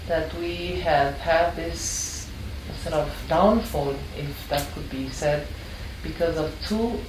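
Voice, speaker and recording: Far from the microphone, in a room full of echo and background noise, an older Ecuadorian woman with a deep voice takes her time telling her story in an interview. The longtime art history teacher sounds earnest and reflective and restarts often.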